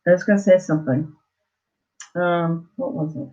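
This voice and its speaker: A woman hosting a casual live chat, greeting viewers haltingly and apologetically, her mouth swollen and slightly thick-sounding after dental surgery. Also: on the low side, fairly even intonation, darkish tone. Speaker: livestream host. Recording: dull lo-fi livestream audio.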